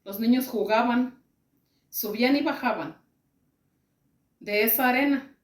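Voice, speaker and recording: A woman with a high voice testifies before a church about a vision she received. She moves very slowly, circling back over the same phrases with pauses. Her voice rings in a roomy, echoing space. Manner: slow, repetitive, pausing phrase by phrase. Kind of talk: recounting a religious vision.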